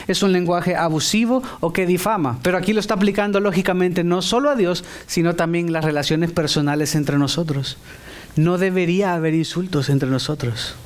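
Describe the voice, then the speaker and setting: A middle-aged man preaching a sermon in an animated way, acting out the voices he quotes. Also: fairly high pitch.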